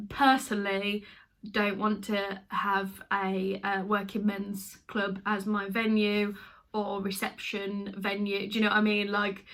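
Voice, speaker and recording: A woman's voice: medium pitch, pushed and bright. A young woman from the UK chatting casually to camera as a vlogger, laughing often and using many fillers.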